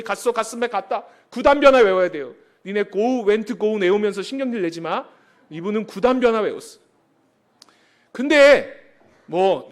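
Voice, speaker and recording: Man, high voice, missionary preacher, lively sermon, asks the pews questions. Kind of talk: sermon with storytelling.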